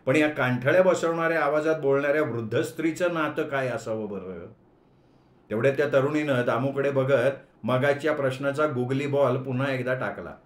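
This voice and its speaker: A man narrating a story in an expressive, measured manner, in an echoey room. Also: mid-range voice. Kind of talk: story reading.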